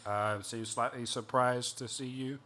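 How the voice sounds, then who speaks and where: Man, game master, slow, halting narration, fillers, tabletop game. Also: medium pitch, fairly even intonation, sharp tone. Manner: hesitant, many fillers.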